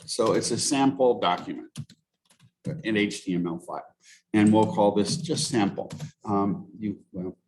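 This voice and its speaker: Man, instructor, casual software demo, halting, self-correcting, video call audio, faint noise. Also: fairly low pitch. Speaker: instructor leading a teaching workshop.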